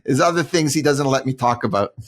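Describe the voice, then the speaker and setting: A man's voice: mid-range voice, lively intonation, quick pace. An older man from Toronto with a Canadian accent, co-hosting with his son, joking and self-deprecating in casual chat. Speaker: co-host, the host's father.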